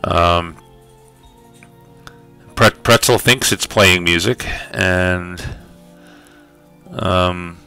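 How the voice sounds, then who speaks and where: A man with a low voice that has a bright, forceful edge chats casually on a livestream, full of fillers as he checks his audio with viewers. Faint music plays behind him. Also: drawn-out words, long pauses, smooth. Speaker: livestream host running a writing sprint.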